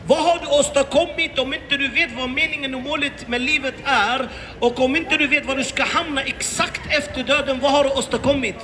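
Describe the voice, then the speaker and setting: Very high-voiced man street preaching. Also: steady tone, pushed and bright, long reverb tail, a little hiss or hum. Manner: impassioned, rhetorical questions, repeats phrases. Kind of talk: open-air evangelistic preaching. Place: outdoors on a city street.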